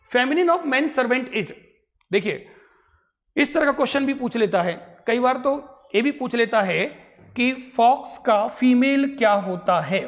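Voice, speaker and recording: A man's voice: very high-pitched, big-room sound. A male English grammar teacher gives a classroom lecture in Hindi mixed with English. He keeps repeating answers and checking in with short tag questions. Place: coaching classroom.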